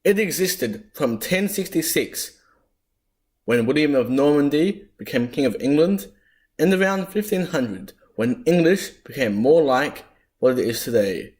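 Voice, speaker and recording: A man presenting a history lesson as scripted narration, spelling out sounds deliberately with occasional stumbles. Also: fairly high pitch, lively intonation, a little mellow.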